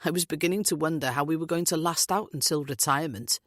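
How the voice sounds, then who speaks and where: A woman's voice: fairly low pitch, animated, normal speed, dry recording, natural voice. A woman voicing a blunt, jokey middle-aged Welsh man who grumbles, in a dry close recording. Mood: grumbling.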